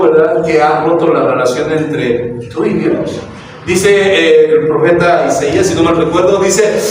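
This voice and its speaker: A Mexican man preaching a sermon as pastor, asking his listeners questions and acting out the voices he quotes. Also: fairly high pitch. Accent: Mexican Spanish. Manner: acts out quoted voices, asks the crowd questions. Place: church hall. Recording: very echoey hall, distant mic, faint hiss.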